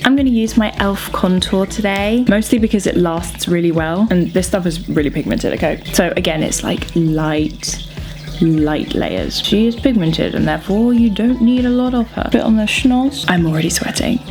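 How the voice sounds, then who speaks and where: A woman's voice: mid-range voice, lively intonation, moderate pace, darkish tone, faint music behind. Chatty woman doing her makeup. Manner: chatty, playful, laughs often. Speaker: beauty vlogger. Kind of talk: casual get-ready-with-me makeup chat.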